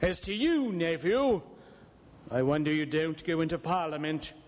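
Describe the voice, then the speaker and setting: A man's voice: fairly high pitch, lively intonation, moderate pace, close to an everyday voice. An actor playing a miserly, bitter old businessman in a live radio drama, grumbling and sneering with emphatic scolding. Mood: scolding, angry. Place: performing arts center stage. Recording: echoey theater hall, live radio broadcast.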